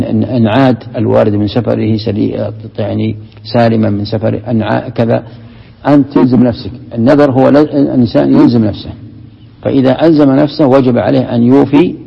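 A man with teaches a Quran commentary class at a quick clip, raising questions and answering them himself. His voice is deeply gravelly and husky. The recording is dull and lo-fi, with long reverb from a large hall. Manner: explains step by step, asks and answers his own questions.

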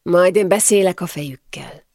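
A woman doing a calm, brave young friend. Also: lowish voice, gravelly, no echo, clean studio sound. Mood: hushed.

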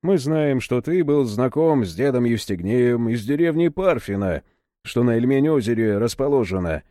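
Man doing a cold, bassy henchman. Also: normal speed, no room sound, studio quality, natural voice. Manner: bass, calm, indifferent interrogation.

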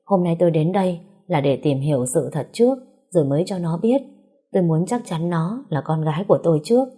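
A woman's voice: on the low side, fairly quick, warm tone, husky. A woman voicing an older mother who speaks in a choked, sobbing way, in a storybook reading. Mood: earnest. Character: older birth mother, weeping and remorseful.

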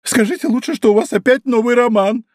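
Man putting on a shrill pleading prosecutor's wife. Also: a little fast, a little mellow, no echo, clean studio sound. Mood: eager. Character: miserly lovestruck middle-aged prosecutor's wife.

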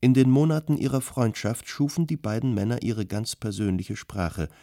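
A man narrating a literary audiobook in a calm, measured way. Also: mid-range voice, no room sound, clean studio sound.

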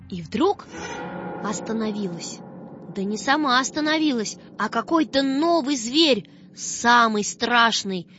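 Expressive woman reading a children's tale. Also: high voice. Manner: expressive, slow storytelling. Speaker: audiobook narrator. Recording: dull dry recording with faint music.

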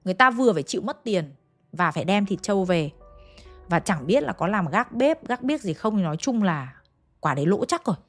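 A woman's voice: medium pitch, very animated, brisk, soft background music. Chatty young Hanoi woman telling ghost stories. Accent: Hanoi Vietnamese. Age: young adult. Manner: chatty, addresses listeners directly. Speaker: storyteller. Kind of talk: ghost story narration.

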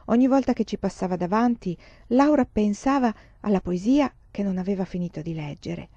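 A woman reading a novel aloud in a slow, calm, expressive way. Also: mid-range voice, no room sound, dull audio. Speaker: audiobook reader. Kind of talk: scripted narration.

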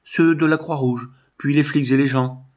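A man's voice: medium pitch, fairly even intonation, moderate pace, a little mellow, pitched above the performer's own voice, close to an everyday voice. A man voicing a frightened, weepy middle-aged housemaid who wails and pleads. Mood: weary. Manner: wailing, plaintive.

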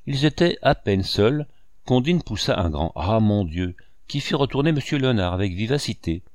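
A man narrating a story as an audiobook reader, in a measured literary reading. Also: mid-range voice, sing-song, dry recording, studio quality. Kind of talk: scripted narration.

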